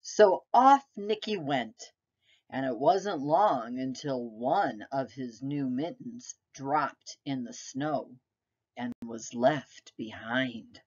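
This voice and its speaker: A woman reading a picture book aloud to young children like a preschool teacher, with deliberate, expressive storytelling phrasing. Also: extremely low pitch, husky, muffled recording.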